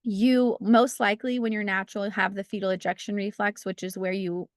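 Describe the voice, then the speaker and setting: A woman's voice: medium pitch, level tone, brisk, no room sound, studio quality. Encouraging woman teaching a birth workshop. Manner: earnest, encouraging, lots of fillers. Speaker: birth educator.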